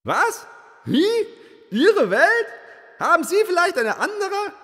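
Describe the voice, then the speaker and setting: A man voicing an indignant crowd of tiny beings from a soap-bubble world, shouting shrilly in a storybook reading. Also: very high voice, sing-song, slow, long reverb tail, pitched above the performer's own voice, exaggerated voice. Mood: furious shouting.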